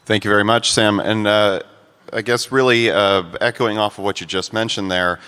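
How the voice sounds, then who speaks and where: A man's voice: on the low side, steady tone, normal speed, bright, forceful tone, clean tone. A man moderating a conference panel, hesitant with many filler sounds, in a conference hall. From United States.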